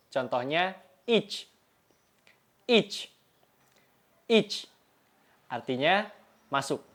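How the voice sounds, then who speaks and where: A young man from Indonesia teaching the Turkish alphabet, saying each letter and example word several times and checking in with "Oke?". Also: high-pitched. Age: young adult. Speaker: Turkish language tutor. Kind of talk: language lesson.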